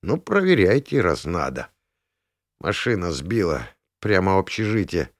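A man reading an audiobook, voicing an injured young man in a hospital bed who speaks quietly and wearily. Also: sits low, sing-song, measured pace, no echo, exaggerated voice. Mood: weary. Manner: quiet, tired, dry. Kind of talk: audiobook character voice.

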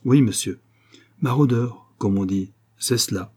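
A man's voice: mid-range voice, a little slow, darkish tone, husky. A man voicing a humble cab driver giving short, respectful answers. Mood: deferential. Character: humble male cab driver, deferential and wary.

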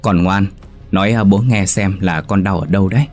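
A man voicing a calm, skeptical young father in a read-aloud storybook, speaking in a reassuring, coaxing way. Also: low voice, normal speed, soft background music.

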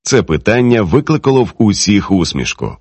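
A man narrating an audiobook in a lively, dramatic reading style. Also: lowish voice, moderate pace, dry recording. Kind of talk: expressive literary narration.

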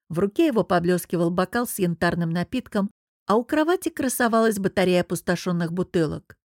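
A woman reading a first-person novel aloud in a wry, lively storytelling manner. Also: mid-range voice, no echo, studio quality. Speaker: narrator. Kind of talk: first-person audiobook narration.

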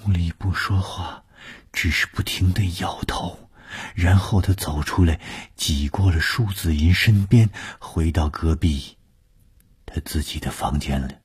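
A man narrating a horror audiobook slowly, building suspense. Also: low-pitched, slightly rough. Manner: slow, suspenseful storytelling. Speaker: storyteller.

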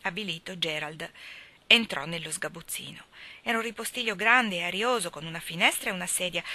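A woman reading a novel aloud as an audiobook narrator, expressive and lively in her delivery. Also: fairly low pitch, creaky. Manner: expressive reading, voicing characters. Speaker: audiobook reader.

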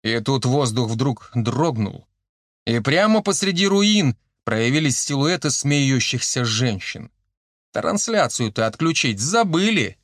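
A man reading an audiobook in steady storytelling narration. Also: mid-range voice, slow pace, no room sound, studio quality.

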